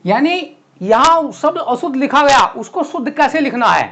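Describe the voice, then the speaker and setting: A man with an unusually high, lively voice teaches a classroom lesson for exam students. He writes on a board as he talks and repeats key words slowly and clearly. His pitch swings widely between words. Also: dull audio.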